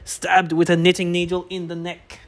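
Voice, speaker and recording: A man's voice: sits high, completely flat delivery, moderate pace. Joking man co-hosting a film podcast. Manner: joking, swears casually. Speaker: podcast co-host. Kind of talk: casual film recap chat.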